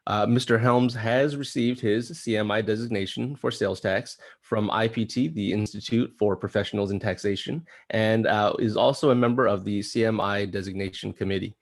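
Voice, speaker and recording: Man, low pitch, podcast co-host, reading a bio, lots of fillers. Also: fairly even intonation, moderate pace, hardly any pauses. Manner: reads a long bio with many fillers. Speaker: podcast co-host introducing a guest. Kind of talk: casual business podcast.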